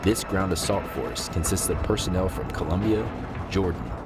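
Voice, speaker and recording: A man reading scripted documentary narration in a measured, formal way. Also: sits low, lively intonation, over loud music. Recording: loud vehicle and outdoor noise behind.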